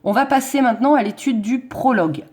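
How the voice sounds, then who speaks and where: A woman's voice: a little high, a little mellow. Woman teacher explaining English verse. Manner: explains slowly, switching between French and English; counts stresses and beats aloud. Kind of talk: recorded online lesson.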